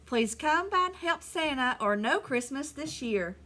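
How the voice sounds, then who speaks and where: A woman's voice: high-pitched, expressive, unhurried, bright, forceful tone, full character voice. A woman voicing a frantic, bossy old Santa in a storybook, calling out emphatically. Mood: defiant.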